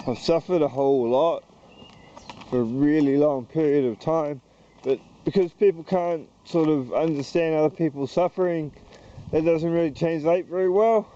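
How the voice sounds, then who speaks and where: Vlogging as he strolls through town outdoors, a New Zealand man speaks to the camera in a slightly high, mellow voice. His rambling delivery is hesitant, halting, slow and meandering, and the audio is lo-fi.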